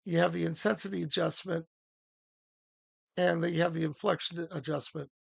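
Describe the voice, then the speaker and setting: A man hosting a casual livestream workshop, talking haltingly with many fillers and restarts. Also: on the high side, fairly even intonation, gravelly, breathy edge, dry recording. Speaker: host.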